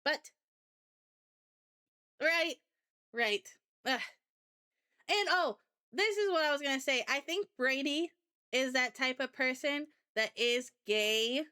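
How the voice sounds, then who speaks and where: A woman with a high, bright voice tells a rambling story in a loose, chatty way. She talks to her stream viewers casually, as if catching up with friends. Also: slow, pauses often. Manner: rambling, chatty anecdote telling. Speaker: VTuber streamer.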